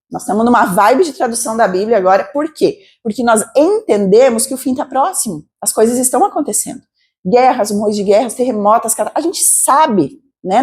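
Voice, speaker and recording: A Brazilian woman missionary preaching a sermon to a congregation, with a Brazilian Portuguese accent, asking lively rhetorical questions. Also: fairly high pitch. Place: church service.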